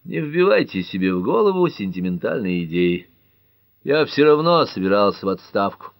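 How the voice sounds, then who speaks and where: Male narrator as a dry old judge, low and matter-of-fact, close and dry. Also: sing-song, normal speed, no echo. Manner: dry, dismissive.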